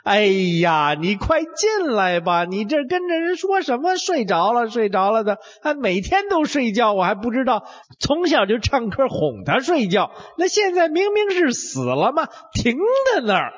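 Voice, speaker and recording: Man doing a grieving mother, wailing, pleading, high voice, husky, lo-fi storybook telling. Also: sing-song, normal speed, exaggerated voice. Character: grieving, scolding mother of a dead girl.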